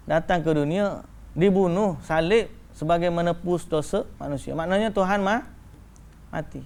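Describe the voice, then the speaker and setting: High gravelly preacher man. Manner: lively storyteller who acts out dialogue in shifting voices. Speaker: religious teacher. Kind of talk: religious lecture with storytelling. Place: lecture before a live audience.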